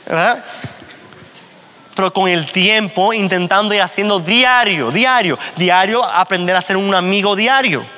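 Bright high-voiced man in a reverberant hall. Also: expressive, unhurried, slight background noise. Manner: storytelling, often asks "¿verdad?". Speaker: speaker at a business meeting. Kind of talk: motivational talk.

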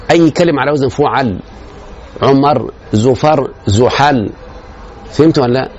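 A man with an Egyptian Arabic accent lectures a class on grammar at a brisk clip, his voice gravelly and full of fry. He walks through each point and keeps asking whether the students have understood. The recording is muffled and lo-fi, with faint noise underneath. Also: mid-range voice, darkish tone. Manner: explains step by step, often checks that students follow.

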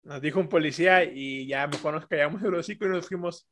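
A man's voice: on the high side, brisk, a bit bright, slight background noise. A man with a Mexican accent telling crude, slang-heavy anecdotes in a casual podcast chat and acting out the voices of the people in them. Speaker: podcast guest storyteller.

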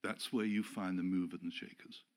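A man's voice: low voice, steady tone, moderate pace. An older man from England preaching a sermon, chatty and self-deprecating, telling stories and acting out the people he quotes. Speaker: pastor.

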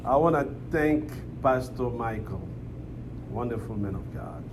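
A man's voice: mid-range voice, expressive, unhurried. A man from Congo with a Congolese accent, speaking English as a second language, preaching as a visiting pastor and calling for amens. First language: not English. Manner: repeats phrases, calls for amens. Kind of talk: church preaching and prayer with call-and-response. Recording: noisy live church room.

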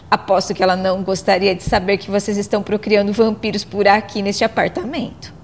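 A woman's voice: medium pitch, lightly acted. A woman playing a stern, bossy politician's wife, scolding and imperious, in a radio soap opera. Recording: faint background noise.

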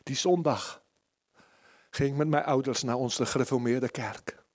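A man preaching a sermon at a church service, impassioned, moving between loud pleading and hushed near-whispers. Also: mid-range voice, a little slow.

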